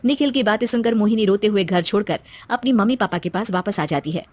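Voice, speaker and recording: A woman's voice: mid-range voice, quick pace, a little mellow, a little hiss or hum. A woman narrating a scripted story as its storyteller.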